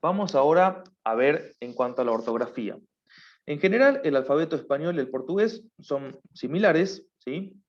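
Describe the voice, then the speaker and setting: A man's voice: on the high side, animated, normal speed, muffled recording. A man teaching a class, explaining patiently and often stopping to check that his students follow. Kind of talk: online class lecture.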